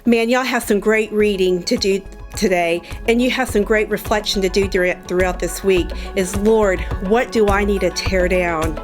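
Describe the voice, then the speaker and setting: A woman's voice: mid-range voice, normal speed, soft background music. A woman teaching a Bible study lesson, retelling a story in a casual, conversational way and acting out the characters' lines. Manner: lively, conversational retelling with acted-out quotes.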